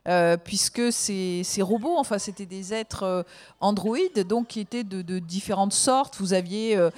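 A woman taking part in a discussion, speaking hesitantly with many pauses and fillers. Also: medium pitch, darkish tone.

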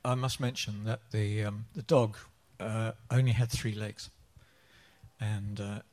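Unhurried low-voiced male storyteller. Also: fairly even intonation, darkish tone. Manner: unhurried storyteller with pauses and fillers. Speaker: guest telling a joke. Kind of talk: anecdotal joke-telling in English.

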